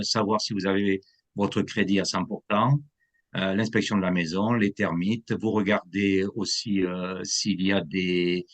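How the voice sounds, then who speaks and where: Man, low voice, from France, real estate agent explaining the market, drops English terms. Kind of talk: interview answers.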